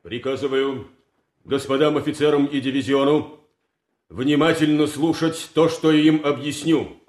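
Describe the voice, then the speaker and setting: An actor playing a stern, bitterly sarcastic army colonel in a period military drama, declaiming orders deliberately with heavy pauses. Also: male voice, on the high side, fairly even intonation, darkish tone, lightly acted. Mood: solemn, commanding. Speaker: commanding officer. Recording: echoey hall.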